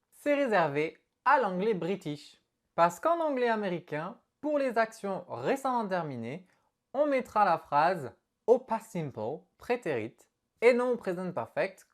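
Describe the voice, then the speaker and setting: A woman with a medium-pitched voice teaches an online English lesson, explaining things to viewers in an animated, expressive way.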